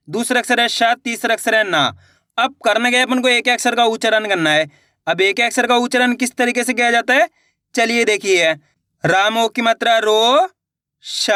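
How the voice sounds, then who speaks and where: A man gives a reading lesson in a high, bright, smooth voice, sounding out each syllable before joining them into a word. He talks slowly and quizzes the listener. The sound is dry and close. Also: no echo. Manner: sounds out syllables one by one, then blends them; repeats and asks the learner questions. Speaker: Hindi reading teacher. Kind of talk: slow spelled-out reading lesson.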